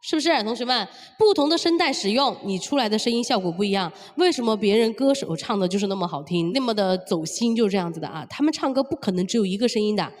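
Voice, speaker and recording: A woman's voice: mid-range voice, lively intonation, fast talker, hardly any pauses. A woman singing teacher explaining technique at the piano, stepping through points and checking in with rhetorical questions. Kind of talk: vocal lesson at the piano. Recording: long reverb with piano music behind.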